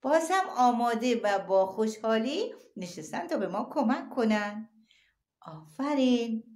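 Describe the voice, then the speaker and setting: A woman teaches young children their letters in a lively, sing-song voice, stretching words out slowly and clearly. Her pitch sits a little high and swoops widely. The sound rings with a noticeable echo from the room. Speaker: primary school teacher.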